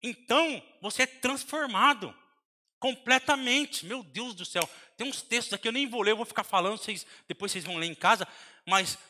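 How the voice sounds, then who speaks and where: A man with a Brazilian Portuguese accent preaching a sermon in a large church hall, breaking into sudden shouts between softer asides. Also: high voice, a little fast. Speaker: pastor. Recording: long hall reverb.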